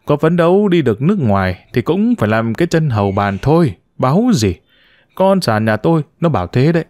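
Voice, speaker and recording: A sharp-tongued older grandmother who snaps and curses in short, blunt bursts, put on by a male storyteller. Her voice leaps up and down with lively swings. The recording is dry and close. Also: fairly high pitch, brisk, dry recording. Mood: scornful. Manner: blunt, curt and abusive.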